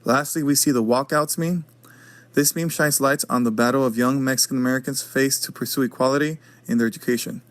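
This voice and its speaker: A man's voice: medium pitch, steady tone, fairly quick, fairly bright tone, dry recording. A young man reading a prepared class presentation plainly, with small restarts. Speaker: student presenter.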